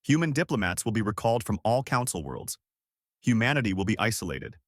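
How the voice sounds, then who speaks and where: Brief: formal alien council chief, read by a male narrator, measured and stern, lively pitch. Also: no echo, studio quality. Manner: measured, formal, growing hard.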